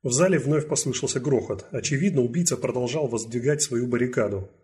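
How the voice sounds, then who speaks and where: A man reads a crime audiobook in a mellow, dark voice at a middle pitch. His narration is steady and even, carrying the action along without fuss. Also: a little fast. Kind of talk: scripted narration.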